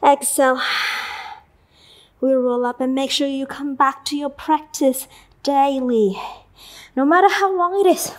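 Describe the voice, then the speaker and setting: A woman leading a Pilates mat class, giving short, calm movement cues and counting out the reps. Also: sits high, measured pace. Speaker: Pilates instructor. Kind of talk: workout class instruction.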